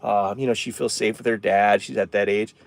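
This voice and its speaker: A man's voice: on the low side, steady tone, brisk, vocal fry. A man in his thirties chatting casually on a live stream from inside his camper van, rambling and answering viewer comments.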